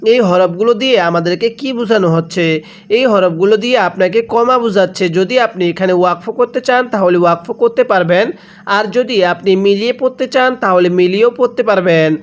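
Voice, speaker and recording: A man teaching Quran recitation step by step, chanting each word slowly and asking the listener questions he then answers. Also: high voice. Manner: drawn-out chanted recitation between brisk explanations.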